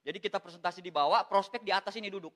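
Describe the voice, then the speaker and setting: A man giving a lively, joking motivational talk, repeatedly addressing his audience as "Pak". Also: high-pitched, very fast. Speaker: MLM motivational speaker.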